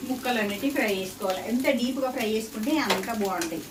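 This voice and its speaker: A woman's voice: fairly high pitch, very fast, noisy background. A woman with a Telangana Telugu accent chats casually while cooking, rambling along and repeating herself. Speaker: home cooking vlogger. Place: indoor home kitchen. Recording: roomy, distant mic, clear kitchen sizzle. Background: sizzling oil, clattering pots and pans.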